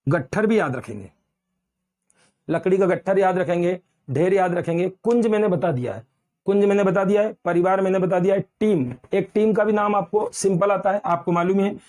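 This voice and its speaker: Man, high voice, grammar lecture, repeats key words, asks and answers own questions. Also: darkish tone. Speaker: Hindi grammar teacher. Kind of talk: classroom lecture.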